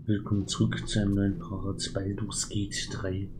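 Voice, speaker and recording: A man doing casual let's play commentary, reading game text aloud and thinking out loud. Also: lowish voice, monotone, moderate pace, background noise. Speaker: let's player, channel host.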